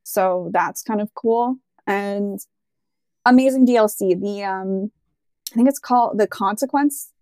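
Over a dry, close sound, a woman chats casually as a podcast co-host, her voice sitting at an ordinary middle pitch. She rambles, leans on "like" and "um", and gushes when something excites her. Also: measured pace, no echo. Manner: rambling, full of "like" and fillers, enthusiastic. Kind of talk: casual chat.

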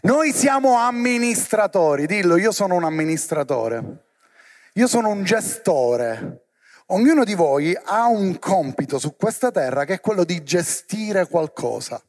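An animated man preaches to young people, keeps firing questions at the crowd, and pulls them along as he speaks. His voice sits fairly high for a man. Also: a little slow. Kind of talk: lively sermon to young people.

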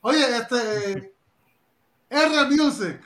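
A man's voice: very high-pitched, animated, extremely slow, pushed and bright, reverberant, a little hiss or hum. A man hosting a podcast, joking and brash in casual slangy chat. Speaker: podcast host.

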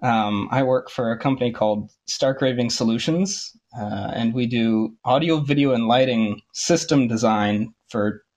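A man in his twenties from Ohio, a podcast guest, answering in a relaxed way with frequent laughs and ums. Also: medium pitch, a little slow, few pauses. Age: 20s. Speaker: guest, audio engineering tech. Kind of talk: casual interview chat.

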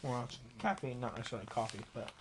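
A man's voice: mid-range voice, very animated, quick pace, background noise. Drunk young man joking crudely. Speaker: podcast co-host. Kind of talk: casual chat.

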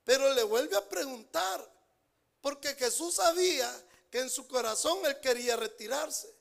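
High gravelly pastor guy preaching slow, repeats himself, gets loud then goes quiet. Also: expressive. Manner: emphatic preaching, swings between loud outbursts and hushed asides; repeats phrases for emphasis. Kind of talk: sermon.

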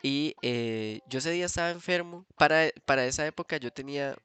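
A man's voice: fairly high pitch, fairly quick, a bit bright, clear, resonant tone, no room sound. A man with a Costa Rican accent telling a long personal story in casual chat, rambling with many fillers and restarts. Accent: Costa Rican Spanish.

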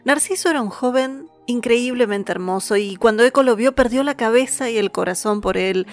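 A woman's voice: a little high, faint music behind. Dramatic woman storyteller. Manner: measured, dramatic, slows on lists and whispers tense moments. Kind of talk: scripted myth narration.

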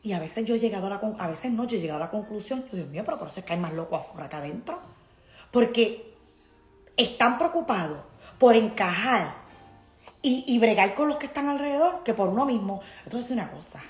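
A woman's voice: medium pitch, expressive, brisk, roomy sound. A woman with a Puerto Rican accent hosting a casual live stream, talking emphatically and reading out viewer comments. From Puerto Rico. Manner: emphatic, preachy, motivational.

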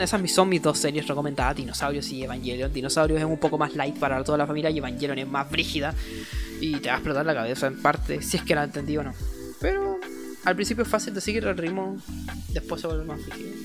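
A man's voice: a little high, fast, over music. A young Chilean man co-hosting a casual podcast, slangy and profane, ranting with gusto about shows he loves and hates. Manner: slangy, swears a lot, animated rants. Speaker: podcast co-host. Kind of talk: casual chat.

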